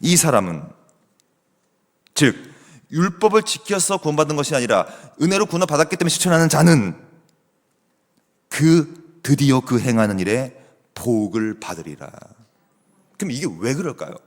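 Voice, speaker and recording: A middle-aged man, a theology professor, preaching a sermon as a guest with animated storytelling, chatting with the congregation. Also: fairly high pitch, normal speed, long pauses. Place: church sanctuary. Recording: long church hall reverb.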